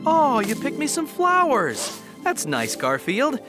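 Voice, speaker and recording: A man voicing a flustered, excitable young cat owner with a sneezing problem. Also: extremely high pitch, takes it slowly, over music, exaggerated voice. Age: young adult. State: sneezy, allergic. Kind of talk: cartoon voice acting.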